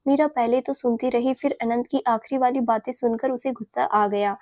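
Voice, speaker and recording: Flat-toned woman narrating a romance. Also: fairly high pitch, moderate pace, no room sound. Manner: reads both lovers' lines in her own voice. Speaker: storyteller.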